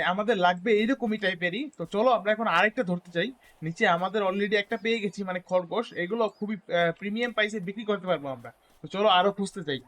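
A man giving casual gameplay commentary, chatting to his viewers and repeating words when excited. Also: sits high. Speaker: gaming YouTuber.

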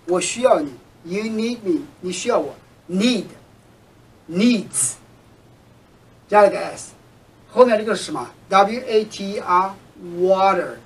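A teacher giving a recorded language lesson, patiently repeating words and example sentences slowly. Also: medium pitch, a bit bright, far from the mic, rough recording. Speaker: English teacher.

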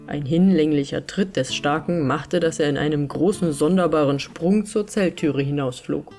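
A woman reading an old fairy tale aloud as an audiobook, with calm, measured narration. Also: low voice. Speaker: storyteller.

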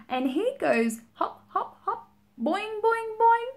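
Young woman for a children's storytime. High and sing-song, unhurried, gasps and invites the child to join in. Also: big pitch swings. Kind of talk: reading and singing a picture book to young children. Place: small indoor room, seated at home.

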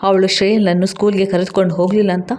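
A woman's voice: medium pitch, flat delivery, quick pace, darkish tone, a little hiss or hum, lightly acted. A woman voicing a short-tempered, scornful husband who fires accusing questions in a storybook reading. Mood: angry. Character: angry husband, middle-aged man, scornful and short-tempered.

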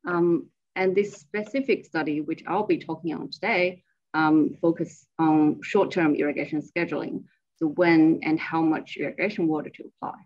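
A woman's voice: sits low, fairly even intonation, normal speed, a little mellow, lo-fi sound. A woman research associate giving a slide presentation over a remote screen-share call, explaining her work step by step.

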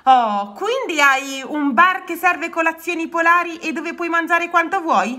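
Storybook frog, little excited boy as a woman reads him, high and bright, squealing. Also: measured pace, full character voice. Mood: eager. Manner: squealing, bubbly.

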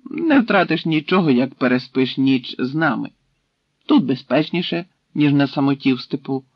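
A man's voice: medium pitch, lively intonation, normal speed, no room sound. A man voicing a stern Cossack leader who questions and threatens a captive in a commanding way, in a dry, slightly dull recording.

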